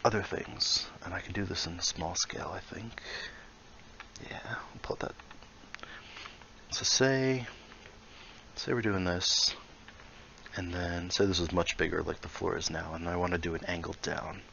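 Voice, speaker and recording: He has a deep voice with vocal fry, fairly even intonation, and a sharp tone, speaking a little slowly and pausing often. The man, a VR building tutorial creator, thinks aloud and mutters asides while casually showing how he builds in the game; highs are cut off and slight background noise is present.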